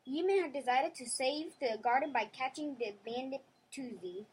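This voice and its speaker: A woman narrating a children's storybook in a clear, gentle storytelling manner. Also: high-pitched, animated, normal speed, background noise. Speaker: audiobook narrator.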